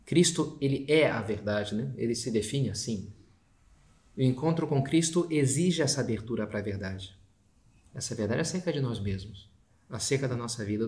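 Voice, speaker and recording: A priest leads a spoken meditation in a loose, chatty manner, tossing in slang and tag questions. His voice sits at a middling pitch, and the room gives it a noticeable echo. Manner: conversational, with slangy asides and many "né?" tags. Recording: echoey room.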